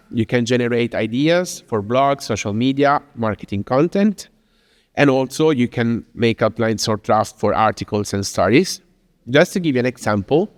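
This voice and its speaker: Speaking at medium pitch, an Italian man presents informally in English at a Lisbon business talk, chatty and prone to fillers and restarts. The audio has no room sound and studio quality, yet carries a long reverb tail.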